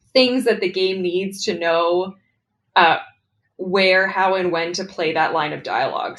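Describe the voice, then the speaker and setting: A young adult woman, a writer guest in a casual interview, explaining her work in a chatty way and laughing often. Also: mid-range voice. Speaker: guest, writer for comics and games.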